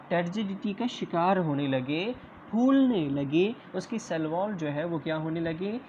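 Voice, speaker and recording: A man's voice: high voice, mellow. A man teaching biology in a lecture style, asking questions and answering them himself and often checking that listeners follow. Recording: dull lo-fi recording with faint hiss.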